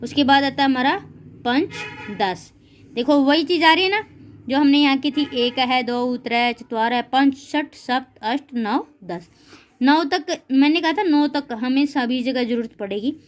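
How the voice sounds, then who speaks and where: A woman teaching a class of children in a patient, encouraging way, slowly as she drills the words and calling her students "beta ji". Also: high voice.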